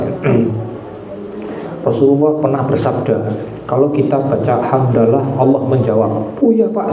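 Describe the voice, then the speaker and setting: A man with a slightly high voice delivers a conversational Islamic study talk to a live audience in a hall, telling stories, asking questions and repeating key phrases. The room echoes with the audience, and there is background noise.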